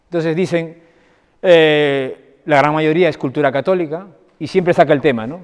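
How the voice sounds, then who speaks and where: Man, doctor, conference talk, conversational and anecdotal, fairly high voice, long hall reverb. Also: normal speed, smooth. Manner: conversational, anecdotal, often asks the audience for agreement. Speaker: doctor giving a lecture. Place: parish hall.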